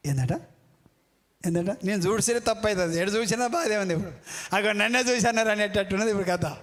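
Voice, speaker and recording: A pastor preaches a fiery sermon in a church hall, scolding the congregation and calling out questions to them. His voice is high-pitched, a bit bright, and fast, and the recording echoes around the hall.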